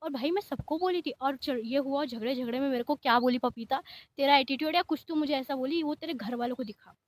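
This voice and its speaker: A woman's voice: high voice, brisk, dry recording. A young woman telling a storytime vlog in a casual, exasperated way, often quoting others sharply and mixing in English words. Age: young adult. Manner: animated, exasperated, mixes English words into Hindi.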